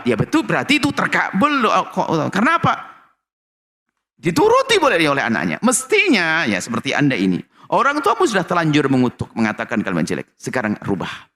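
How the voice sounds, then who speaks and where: A man answering a question in a lively preaching style, acting out quoted speech. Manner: lively, shifts pitch widely, acts out quoted lines.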